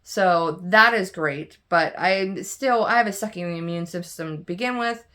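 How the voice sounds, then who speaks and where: A young adult woman talking to her viewers in a loose, candid vlog chat. She sounds worn out and yawns, her voice sits a little low for a woman, and she wanders through her thoughts with lots of "um" and "like.". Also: a little slow, a bit bright. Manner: rambling, candid, many fillers and restarts. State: tired, yawning. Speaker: cross stitch vlogger. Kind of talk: casual chat to camera.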